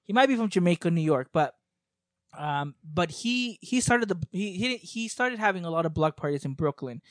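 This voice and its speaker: Guy rambling in casual chat, kinda high voice, dry close sound. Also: lively intonation, moderate pace, dry recording. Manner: rambling, many restarts and fillers.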